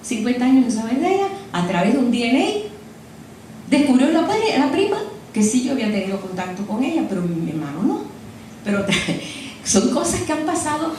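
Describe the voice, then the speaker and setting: A woman's voice: on the high side, darkish tone, slight background noise. An older woman preaching a sermon in a chatty, storytelling way, often tossing in "eh?" to her listeners. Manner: chatty storytelling, frequent "¿eh?" asides. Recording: echoey room picked up from a distance.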